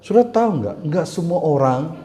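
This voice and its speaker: A man's voice: on the high side, sing-song, moderate pace, warm tone. A middle-aged male pastor preaching a sermon in a conversational way, with emphatic bursts and calls to the congregation. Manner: conversational preaching with rising emphatic bursts and audience call-and-response. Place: church hall. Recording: roomy echoing church hall.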